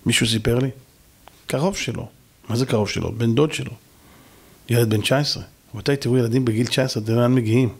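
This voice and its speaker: A man's voice: mid-range voice, husky. A man, a rabbi, preaching a sermon in an emphatic style full of rhetorical questions. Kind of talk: sermon to a congregation.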